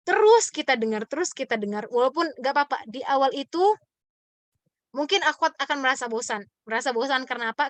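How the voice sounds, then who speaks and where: A woman's voice: a little high, fairly bright tone, no echo. A woman teaching Quran recitation in a question-and-answer class, explaining with examples and many fillers. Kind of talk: online class Q&A lesson.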